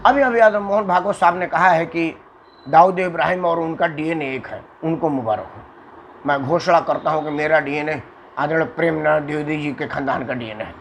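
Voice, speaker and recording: A man's voice: a little high, normal speed, slight background noise, rough recording. A man from Uttar Pradesh giving an emphatic political monologue, repeating phrases and swinging his intonation to make points. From Uttar Pradesh, India. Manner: emphatic, repetitive, demonstrates intonation with dramatic shifts. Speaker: political commentator. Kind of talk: monologue to camera.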